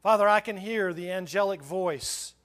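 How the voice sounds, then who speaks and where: Brief: middle-aged male pastor, high-pitched, fervent sermon delivery with stumbling repeats. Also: normal speed, fairly bright tone. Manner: impassioned, repeats words and restarts, chuckles between points.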